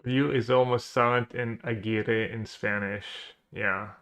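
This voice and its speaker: A man's voice: lowish voice, fairly even intonation, measured pace, fairly bright tone. A man streaming a card game, chatting casually with viewers and thinking aloud in short, trailing phrases. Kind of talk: casual gameplay chat to a live chat.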